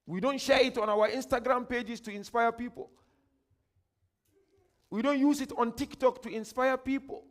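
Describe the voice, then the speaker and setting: A man from Ghana with a Ghanaian accent, giving a religious workshop lecture. He declaims emphatically, reads quotations slowly and grandly, and drops into quiet asides. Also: extremely high pitch, steady tone. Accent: Ghanaian English.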